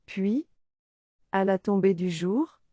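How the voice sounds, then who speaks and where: A woman narrating a fairy tale audiobook for language learners, reading clearly and deliberately. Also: medium pitch, lively intonation, mellow, no room sound, clean studio sound. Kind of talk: slow storybook narration for French learners.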